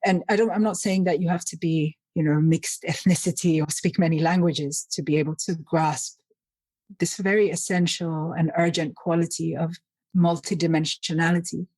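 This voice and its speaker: Woman guest, low husky voice, flat, thoughtful measured delivery, dry close sound. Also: no echo. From Finland, raised in Nigeria. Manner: thoughtful, measured, with some restarts. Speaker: guest author. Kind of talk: reflective interview talk.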